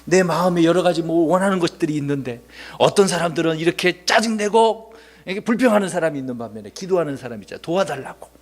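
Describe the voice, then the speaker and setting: A male pastor giving a children's Sunday school sermon, animated, asking the children questions and calling on them by name. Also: fairly high pitch, quick pace.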